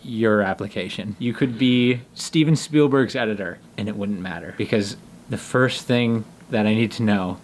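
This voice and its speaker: A man hosting a video, reading out job application instructions in a deliberate, robot-like, step-by-step manner. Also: fairly low pitch, slight background noise. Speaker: host announcing a job opening. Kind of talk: scripted instructional presentation.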